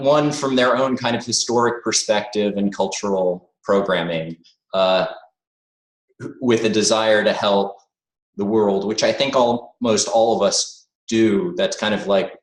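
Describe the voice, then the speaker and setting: Over a video call, a fairly low-voiced man who was born in the United States but grew up abroad reflects as an interview guest, sounding thoughtful and hesitant and using plenty of fillers. The room echoes and the recording is rough.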